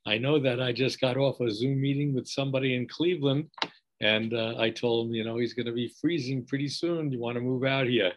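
A man's voice: mid-range voice, steady tone, a little fast, a little hiss or hum. A man in his sixties with a New York accent, a business owner chatting as a guest, talking loosely with lots of fillers. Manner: rambling with many fillers. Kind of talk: casual interview chat.

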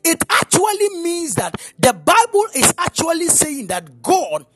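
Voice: very high voice, big pitch swings, measured pace, no echo, faint music behind. A pastor preaching a sermon in a church, dramatic and half-singing the lines, with playful asides to the congregation.

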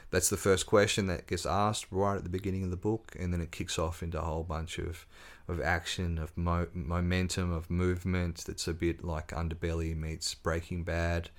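A man with a very low voice, talking as an author guest on a podcast. He tells his stories in a relaxed way, stopping for ums and restarting his sentences as he goes. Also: normal speed, hardly any pauses. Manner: storytelling, relaxed, with fillers and restarts. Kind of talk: casual interview chat.

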